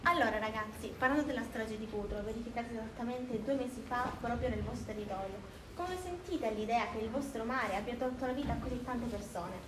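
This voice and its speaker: A woman's voice: on the high side, fairly quick. A young woman, a student interviewer, reading her questions in a careful, formal way. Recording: roomy distant mic with background noise.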